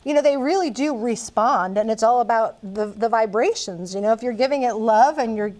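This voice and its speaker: A woman's voice: a little high, a little fast, a little mellow. A woman hosting a show in a casual, chatty way, often repeating words and restarting as she talks. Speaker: show host.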